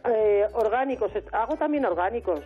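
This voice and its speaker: Lady calling in over the phone, high-ish voice, thin tinny line, kinda hesitant. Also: animated, fairly quick, soft background music. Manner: hesitant, repeats words. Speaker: caller. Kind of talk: live call-in question.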